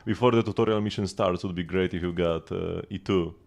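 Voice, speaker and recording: With music behind him, a man streams a game and chats with viewers, thinking aloud in offhand, casual commentary. His voice sits low and creaky, brisk in pace with fairly even intonation.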